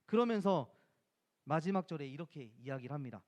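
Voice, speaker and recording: Lively higher-voiced male preacher. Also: fairly quick. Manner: conversational, asks the listeners rhetorical questions; acts out quoted voices of friends and scripture. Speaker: pastor. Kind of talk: sermon.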